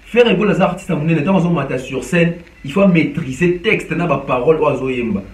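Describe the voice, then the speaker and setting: Male music commentator, hesitant and code-switching, somewhat high voice, roomy and distant sound. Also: a little fast. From DR Congo. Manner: mixes French and Lingala, animated with frequent hesitations. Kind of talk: casual spoken commentary. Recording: echoey room, distant from mic.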